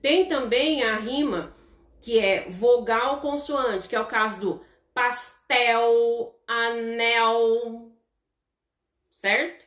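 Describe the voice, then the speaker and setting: A woman's voice: fairly high pitch, fairly bright tone, reverberant. A Brazilian woman teaching a live online class. She explains patiently and keeps checking in with her viewers. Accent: Brazilian Portuguese. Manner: slow, explanatory, chatty with viewers, many "tá?" checks.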